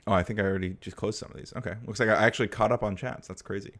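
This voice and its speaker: A young American man hosts a livestream, talking casually about politics and answering viewer comments in a rambling, hesitant way full of fillers and restarts, turning blunt and profane when riled. His voice is fairly low and fairly bright, rapid-fire with fairly even intonation.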